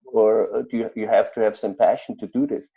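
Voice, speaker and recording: Man, Austrian accent, low pitch, muffled lo-fi sound, hesitant storytelling, chef guest. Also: steady tone, vocal fry, slightly rough. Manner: halting, many fillers and restarts. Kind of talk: conversational interview storytelling.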